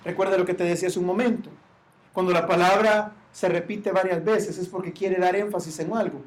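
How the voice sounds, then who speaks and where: High-voiced man preaching a sermon. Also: steady tone, a little fast. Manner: preaching with rising shouted emphasis on quoted cries. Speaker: pastor.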